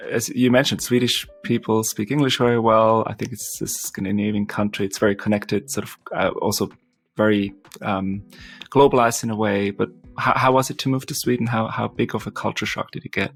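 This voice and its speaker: A man's voice: fairly low pitch, steady tone, fairly quick, husky, soft background music. A man hosting a casual podcast interview, asking questions hesitantly and repeating words. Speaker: podcast host.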